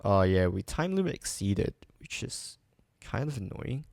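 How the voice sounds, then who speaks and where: A man with a low, gravelly voice works through a coding problem aloud at an unhurried pace. He hesitates often and makes light fun of his own mistakes, and the dry recording has no room sound. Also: big pitch swings, darkish tone, no room sound. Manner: hesitant, full of ums and restarts, self-deprecating. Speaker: coding streamer. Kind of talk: thinking aloud while live coding.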